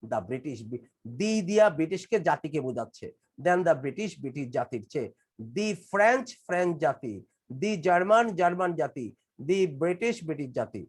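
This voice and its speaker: Teaching English in a live online lecture, this man from Bangladesh has a voice that sits high. He walks through the material step by step, repeats the key phrases, and reads test sentences aloud slowly, one word at a time.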